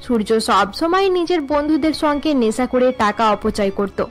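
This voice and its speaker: A woman narrating a cartoon story in an even, measured way. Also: high-pitched, soft background music.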